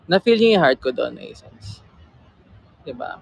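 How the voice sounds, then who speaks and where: A man's voice: mid-range voice, very animated, unhurried, creaky, breathy edge, no room sound, rough recording. A man chatting casually with fans on a livestream, teasing and reading their comments aloud, with a slightly sore throat. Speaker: livestream host.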